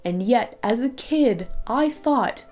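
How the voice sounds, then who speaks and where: Tearful young woman vlogging, mellow voice. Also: fairly high pitch, lively intonation, takes it slowly, faint music behind. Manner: tearful, earnest and rambling. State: crying at times. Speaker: YouTuber. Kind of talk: emotional personal vlog.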